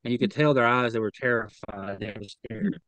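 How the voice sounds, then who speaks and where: A man's voice: medium pitch, fairly bright tone, no room sound, low-quality recording. A man giving a guest's testimony over a video call, speaking earnestly and stumbling over repeated words. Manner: earnest, halting, repeats words when upset. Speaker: interview guest. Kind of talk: remote interview testimony.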